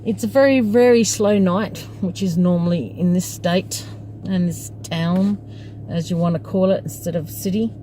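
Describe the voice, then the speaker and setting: A woman's voice: lowish voice, normal speed, dark tone, a little hiss or hum. A woman tells a story from her job as a taxi driver. She talks in a chatty, wry way and laughs as she goes. She sits in her parked cab at a taxi rank. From Australia. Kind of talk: casual storytelling vlog.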